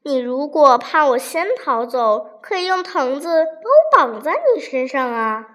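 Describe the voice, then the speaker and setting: A cheeky male monkey from a storybook, eager and doubting, with a lively high voice, as a woman reads him. He presses with curious questions. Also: measured pace.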